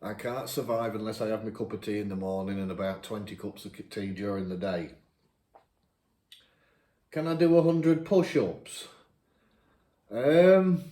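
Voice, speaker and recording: A man in his fifties with a northern English accent, chatting casually as he answers viewer questions, each read out brighter. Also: fairly low pitch, roomy sound. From England. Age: 50s. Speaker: vlogger. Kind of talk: casual Q&A chat.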